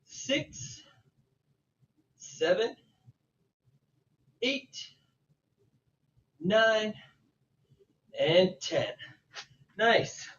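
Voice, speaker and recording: Working out alongside his online class, this coach counts reps and calls encouraging cues in an aerobics-instructor style for a bodyweight warm-up, moving between English and French. His high, fairly bright voice is animated, with drawn-out words and frequent pauses. The distant mic makes the recording sound dull.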